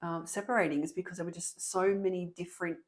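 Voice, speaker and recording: A woman giving a tarot reading to an online audience. She talks earnestly and excitably, with frequent ums and restarts. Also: lowish voice, fast talker. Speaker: tarot reader.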